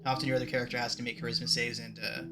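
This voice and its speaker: A man's voice: mid-range voice, flat delivery, racing, music in the background. A man casually narrating a tabletop fantasy game as game master.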